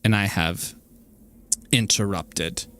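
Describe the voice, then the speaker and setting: Male game streamer: casual, musing, drawn-out delivery in a lowish register, drifting between half-finished thoughts. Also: pushed and bright, a little hiss or hum. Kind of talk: casual rambling game commentary.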